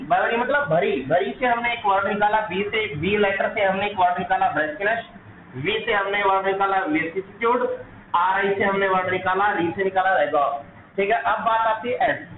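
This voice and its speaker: A man teaching an exam-prep vocabulary lesson, repeating each word and quizzing his students with quick questions. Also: high voice, slight background noise. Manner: repetitive, drills words with quiz-like questions. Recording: echoey room over a tinny phone-like line.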